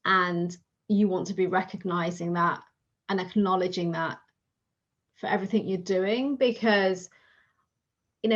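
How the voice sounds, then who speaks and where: A woman's voice: lowish voice, lo-fi sound. A woman hosting a podcast interview as a career coach, speaking in an encouraging, emphatic way. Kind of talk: interview host.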